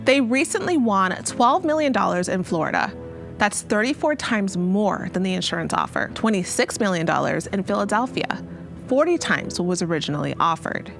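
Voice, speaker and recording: A woman's voice: medium pitch, expressive, moderate pace, creaky, soft background music. Upbeat woman reading a sponsor ad. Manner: upbeat, persuasive. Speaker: show host reading an ad. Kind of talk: sponsor read.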